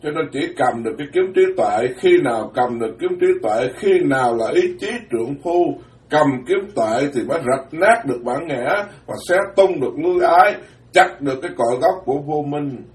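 Blunt-spoken monk in a roomy hall. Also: male voice, a little high, animated. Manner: blunt, plain-spoken, switches between quick and slow emphatic phrasing. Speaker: Buddhist monk lecturer. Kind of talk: dharma talk. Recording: roomy, distant mic.

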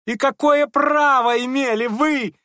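Нервного, обидчивого юношу: визжит, голос на пределе. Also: male voice, extremely high pitch, fairly even intonation, unhurried, pushed and bright, dry recording, studio quality, pitched above the performer's own voice, heavily acted. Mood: shrill. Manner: shrieking, strained. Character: shrill, touchy, sickly young man. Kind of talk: audiobook character voice.

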